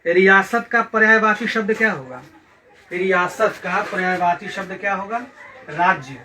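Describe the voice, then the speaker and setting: A male Hindi teacher with a Bihari accent, giving a recorded online lesson and repeating words slowly to drill their pronunciation. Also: high voice, bright, forceful tone. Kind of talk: recorded online class lecture. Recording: distant mic with faint background noise.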